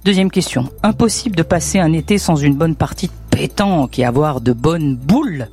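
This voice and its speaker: A woman's voice: low voice, animated, moderate pace, a little mellow, slightly rough, soft background music. A woman hosting a radio game show, chatty and playful, teasing her caller and co-host.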